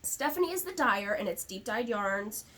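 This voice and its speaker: Chatty woman with a husky voice. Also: a little high, lively intonation, normal speed, fairly bright tone. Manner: chatty, enthusiastic, rambling. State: coughing now and then. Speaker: podcast co-host. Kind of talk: casual chat.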